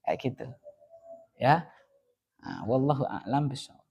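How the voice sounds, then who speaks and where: A man's voice: medium pitch, expressive, a little slow, creaky, darkish tone, breathy edge, muffled recording. A man, teaching Arabic grammar in a casual classroom lesson and answering questions, often adding "ya kan?" to his points. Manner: chatty, often adds "ya kan?" and "kayak gitu".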